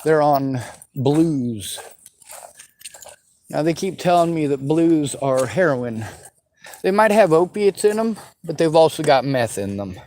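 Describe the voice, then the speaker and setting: A man's voice: fairly high pitch, lively intonation, takes it slowly, pauses often, a little mellow, rough recording. A man in his forties from the western United States, talking bitterly and swearing as he answers viewer questions on his vlog. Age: 40s. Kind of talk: angry unscripted monologue.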